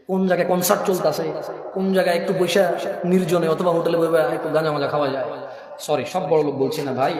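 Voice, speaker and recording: A man's voice: high-pitched, far from the mic. A man preaching a waz sermon, calling out questions for the crowd to answer and joking between points. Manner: call-and-response, shouting questions to the crowd; jokes and asides. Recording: echoey hall with a crowd.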